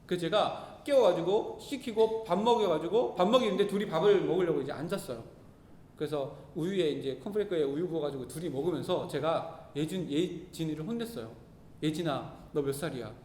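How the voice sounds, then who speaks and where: A man's voice: a little fast, mellow. A man in his thirties preaching, telling a personal story in an earnest way. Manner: earnest, storytelling, acts out his own quoted words. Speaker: pastor. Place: church hall. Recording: echoey hall, faint rumble.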